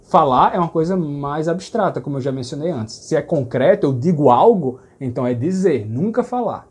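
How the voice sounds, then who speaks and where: A man with a Brazilian Portuguese accent teaching a language lesson, explaining patiently and slowing down to say example phrases. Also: fairly high pitch, lively intonation, a little mellow, husky.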